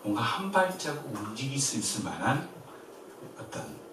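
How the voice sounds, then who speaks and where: A man from Korea preaching a sermon as pastor, in a lively way that swings from emphatic to soft and gentle. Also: medium pitch, moderate pace, noisy background. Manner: lively, shifts between loud and soft, quiet gentle quoted comfort. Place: church sanctuary. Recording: very echoey church from far off.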